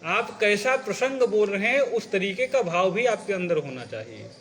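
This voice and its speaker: A man's voice: high-pitched, animated, moderate pace, a bit bright. A man teaching a class how to recite sacred stories, explaining patiently and often checking that his students follow. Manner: patient, checks understanding with repeated questions; demonstrates phrasing by reciting example lines. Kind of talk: classroom lecture.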